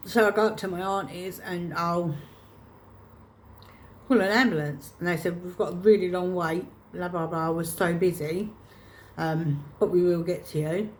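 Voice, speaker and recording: A woman telling a painful personal story to camera, halting and restarting her phrases as she holds back emotion. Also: fairly low pitch, fairly even intonation, a little hiss or hum. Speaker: vlogger.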